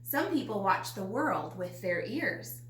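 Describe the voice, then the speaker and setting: A woman's voice: medium pitch, sing-song, slow pace, a bit bright. A woman reading a storybook, playing a wise, upbeat grandmother with a folksy, chiding yet encouraging manner. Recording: roomy echo, faint noise.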